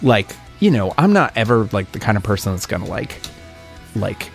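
A man with a fairly low voice talks casually as an interview guest, a recording engineer and producer who tells excited, rambling stories about his work. Faint music sits under his voice. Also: moderate pace, gravelly.

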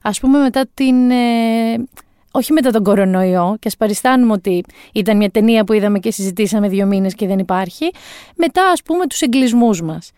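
A woman's voice: on the high side, a little mellow, smooth, no room sound. A woman in her forties telling a comic story in a wry, self-mocking way, close to the mic. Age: 40s. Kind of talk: comic monologue.

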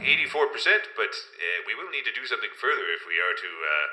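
A man playing an earnest professor who steers a strange craft, talking in a measured way. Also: lowish voice, sing-song, bright, forceful tone, echoey room, exaggerated voice, poor audio. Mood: serious.

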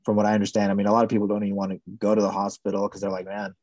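A man with a low, mellow voice answers questions as a podcast guest, keeping his tone flat and even. He sounds soft-spoken and measured, often hedging as he goes, and the sound is dry and close. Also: dry recording, lo-fi sound. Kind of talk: casual conversational interview.

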